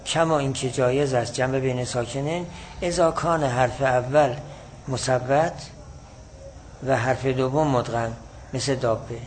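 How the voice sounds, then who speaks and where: Male teacher, mid-pitched, measured and explanatory, repeats points, faint noise behind. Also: fairly even intonation, poor audio. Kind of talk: classroom lecture explaining a classical text.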